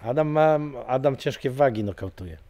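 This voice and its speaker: A man's voice: medium pitch, lively intonation, moderate pace, warm tone, no room sound. A middle-aged man, an MMA coach, talking casually in an interview, rambling with many fillers and repeated words. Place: studio with banner backdrop.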